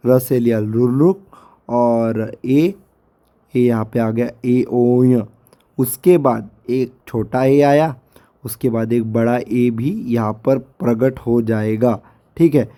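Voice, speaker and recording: Hoarse male teacher for a recorded lecture, very dark mellow tone, slow and patient, drills each syllable. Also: medium pitch. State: hoarse, sore throat. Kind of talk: lecture over a screen recording.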